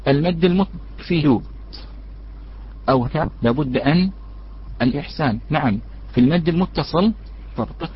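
A man's voice: on the high side, moderate pace, pauses often, breathy edge. A man teaching a religious lesson on recitation rules, addressing his listeners as brothers and asking them questions before answering. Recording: dull lo-fi recording.

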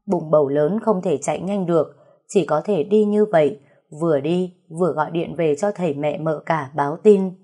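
Woman storyteller, first-person narration, dark mellow tone, breathy, slow emotional reading. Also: deep voice.

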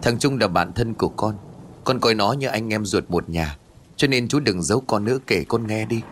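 A man's voice: fairly low pitch, lively intonation, normal speed, a bit bright, a little hiss or hum. An anxious young man pleads earnestly, spoken by the male narrator himself. His voice rises and falls with feeling. It is a first-person audio ghost story.

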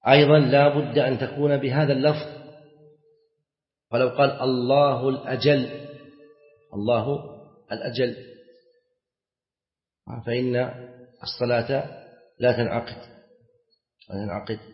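A man, a sheikh, teaches a fiqh lesson at a mid pitch. He repeats each key phrase and throws questions to his students. The long echo of a big hall and a dull, lo-fi recording surround his voice. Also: steady tone, moderate pace, pauses often. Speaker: sheikh teaching Islamic jurisprudence. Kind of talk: classroom lesson explaining a fiqh text. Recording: echoey hall, dull lo-fi sound.

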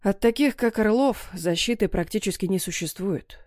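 A woman's voice: mid-range voice, normal speed, darkish tone, no echo, studio quality, natural voice. A woman voicing a troubled middle-aged father who grumbles and snaps defensively. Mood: grim. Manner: gruff, grumbling.

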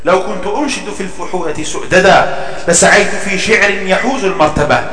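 A man reciting classical poetry in a formal, emphatic and measured declamation. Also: high voice, pushed and bright. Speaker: poet reciting his own verse. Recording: echoey, long reverb, distant from mic.

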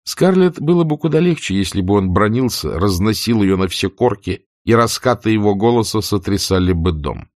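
A man narrates a novel in a low, expressive voice that moves through a wide range. His reading is measured. The recording is close and dry, with no room sound. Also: no room sound. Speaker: audiobook narrator.

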